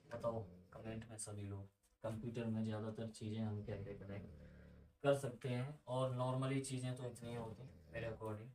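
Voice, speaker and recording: A man gives a casual computer lesson, chatting with his students and wandering off into asides. His voice is low and mellow with fairly flat intonation. He sounds a little off-mic, in a room with noticeable echo. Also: normal speed, distant mic. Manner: chatty, asks students questions and digresses. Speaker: computer teacher.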